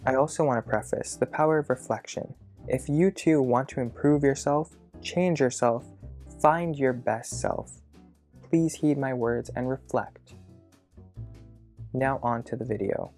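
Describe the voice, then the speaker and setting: A man of about twenty talking to his future self in a video diary from his childhood bedroom, hesitant and reflective, pausing to think aloud. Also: mid-range voice, darkish tone, soft background music. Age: around 20. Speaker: vlogger.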